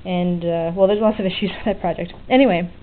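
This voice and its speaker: Her voice lowish and steady, a DIY electronics hobbyist speaks fairly quickly through an unscripted, hands-on tutorial, explaining in a frank, informal way. The sound is muffled and lo-fi, like a phone, with faint noise.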